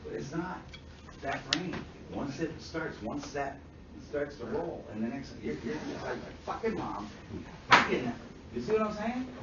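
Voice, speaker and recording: A man lecturing counselors in a classroom, animated, swearing freely and checking constantly that students follow. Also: a little high, background noise. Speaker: instructor teaching counselors. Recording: dull roomy sound from far off.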